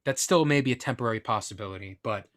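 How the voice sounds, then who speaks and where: A man's voice: on the low side, fast, fairly bright tone. Candid, rambling young man telling a story. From Northeastern US. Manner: candid, self-deprecating, rambling with asides. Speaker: podcast storyteller. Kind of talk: casual personal storytelling.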